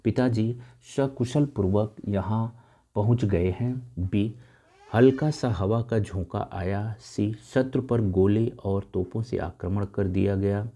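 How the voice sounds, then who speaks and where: A man with a very dark, mellow voice walks through an exam paper. His voice sits somewhat low, and he reads each option slowly before moving on briskly to explain the correct answer. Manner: addresses viewers as dear friends. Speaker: Hindi exam tutor.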